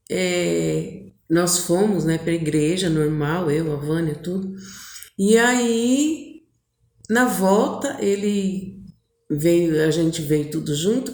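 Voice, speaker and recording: Middle-aged Brazilian woman, rambling storyteller, mid pitch, roomy echo. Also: a little mellow. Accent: Brazilian Portuguese. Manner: chatty, meandering, full of fillers. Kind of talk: personal storytelling.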